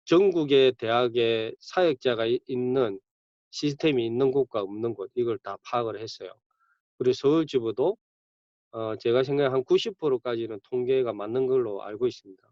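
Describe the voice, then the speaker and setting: Man, campus pastor, conversational sermon, emphatic bursts, mid pitch, dull dry recording. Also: moderate pace, darkish tone, no echo.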